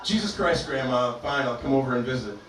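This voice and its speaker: Performing a stand-up set for a live audience, an Albanian comedian delivers dry, self-deprecating material in a medium-pitched, expressive voice at a slightly quick clip. He stands far from the mic in a reverberant club, with crowd noise around him.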